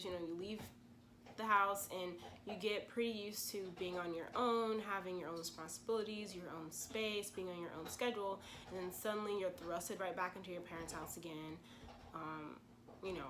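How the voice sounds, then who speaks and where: A pre-med gap-year student from Louisiana in her twenties chats through a casual explanatory vlog, sprinkling in frequent "you know" asides. Congested from a cold, she has a lowish yet fairly bright voice, with a faint hiss in the background.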